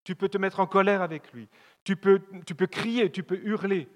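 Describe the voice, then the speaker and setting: A man with a Swiss French accent preaching a fervent sermon in church, repeating phrases and swinging from loud appeals to soft, low asides. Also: steady tone, normal speed. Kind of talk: evangelistic sermon. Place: church hall. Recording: long hall reverb.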